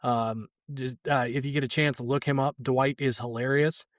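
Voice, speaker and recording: A man's voice: medium pitch, steady tone, moderate pace, no room sound, studio quality. A young adult man, a guest comedian, telling loose, rambling stories with plenty of fillers. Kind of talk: casual anecdotal storytelling.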